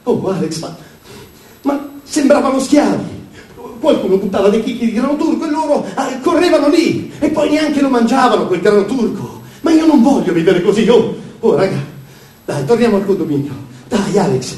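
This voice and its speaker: A man voicing a gentle, sensible male pigeon who earnestly coaxes his friends to fly free. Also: extremely high pitch, animated, moderate pace, voice pushed up. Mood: coaxing. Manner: coaxing, earnest. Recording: roomy, distant mic, faint background.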